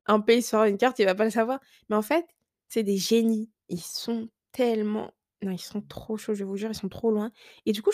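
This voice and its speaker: A woman's voice: fairly high pitch, a little mellow, no room sound, studio quality. A young woman from France chatting casually as a podcast host, giving emphatic advice with lots of fillers.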